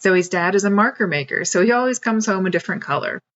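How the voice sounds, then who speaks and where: A woman reading her own children's book aloud in a steady, clear voice. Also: mid-range voice, quick pace, muffled recording. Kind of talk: storybook read-aloud narration.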